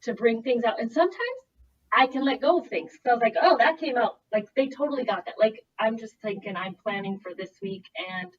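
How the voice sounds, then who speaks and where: Animated Minnesotan woman on a distant mic. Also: fairly high pitch, a little fast, dull audio. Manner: animated, quotes her own thoughts in little voices. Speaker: guest math specialist. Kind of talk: casual interview chat.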